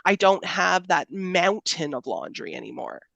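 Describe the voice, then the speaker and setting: A woman's voice: lowish voice, lively intonation, a little slow, gravelly, a bit bright, no room sound. A woman co-hosting a podcast, chatting casually and often affirming with mm-hmms. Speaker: podcast co-host. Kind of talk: casual chat.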